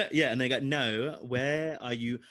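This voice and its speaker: Speaking slowly at medium pitch, a young Londoner with a London accent co-hosts a podcast. His long personal story comes out rambling and animated, dotted with frequent fillers, in a relaxed storytelling chat.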